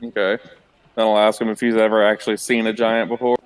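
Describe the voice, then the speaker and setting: A male tabletop player bantering with the game master. His pitch stays fairly flat and steady while he jokes and slips into character. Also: fast talker, poor audio. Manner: playful, speaks partly in character. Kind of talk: tabletop role-play banter.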